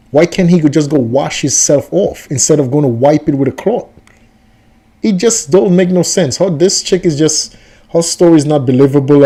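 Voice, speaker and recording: Hosting a reaction video, this man rambles through skeptical, casual commentary and keeps repeating himself. His pitch is fairly high, though his tone is dark.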